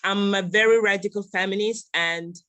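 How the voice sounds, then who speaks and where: A woman from Italy, an audience member, asking an earnest, halting question with many pauses. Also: medium pitch, steady tone, bright, forceful tone, no echo.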